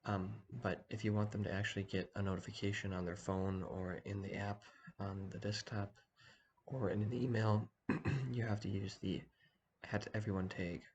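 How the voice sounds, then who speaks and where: A man talking quietly in the early morning so as not to wake anyone, giving a casual screen-share walkthrough. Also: lowish voice, steady tone, normal speed, a little hiss or hum. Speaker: online community organizer giving a tutorial.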